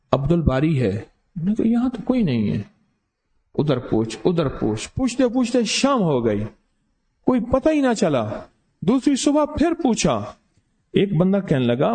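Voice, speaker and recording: A man's voice: sits high, dark tone. A man preaching a Sufi story, emphatic and repeating phrases for stress.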